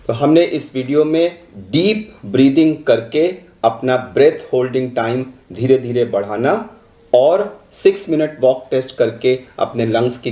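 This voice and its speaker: A man demonstrating breathing and walking tests in a calm, instructive way as a doctor. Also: mid-range voice, echoey room, distant mic. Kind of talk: health demonstration talk. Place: indoor room.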